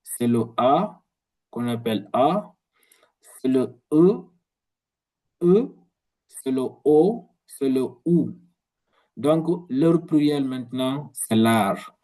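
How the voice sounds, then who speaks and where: A man teaching a language in a video lesson, explaining slowly and repeating words, often restarting his sentences. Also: mid-range voice, dark tone, low-quality recording. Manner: slow, repetitive explanations with frequent restarts.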